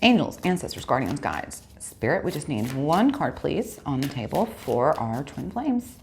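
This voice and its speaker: Low gravelly-voiced woman reading tarot. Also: big pitch swings, moderate pace, a little hiss or hum. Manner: chatty, talks straight to viewers, corrects herself aloud. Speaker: tarot reader. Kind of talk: casual tarot reading to viewers.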